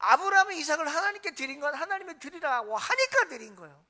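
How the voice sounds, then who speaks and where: A woman's voice: high voice, very animated, fast, sharp tone. A woman pastor preaching a sermon in a church, asking the congregation questions and answering them herself. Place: church sanctuary.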